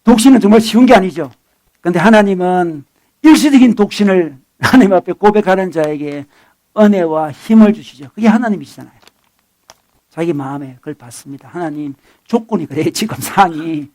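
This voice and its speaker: A man with a Gyeongsang accent preaching in a church. His voice sits high for a man and his delivery is quick. He talks to the congregation conversationally and keeps acting out quoted voices with a chuckle. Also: animated, a little mellow. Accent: Gyeongsang (Masan). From South Korea. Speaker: pastor. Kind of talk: sermon.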